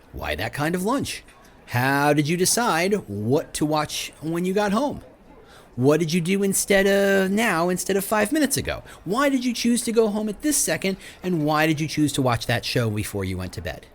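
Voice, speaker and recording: Lively man hosting a podcast. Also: high-pitched, moderate pace. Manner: lively, conversational, many rhetorical questions. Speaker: podcast host. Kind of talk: solo podcast monologue.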